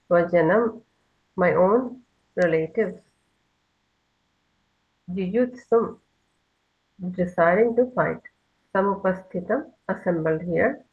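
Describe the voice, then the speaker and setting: A woman teaching a children's lesson over a video call, slowly leading call-and-response recitation. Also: lowish voice, slightly rough, narrow, tinny audio. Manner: slow, patient call-and-response chanting.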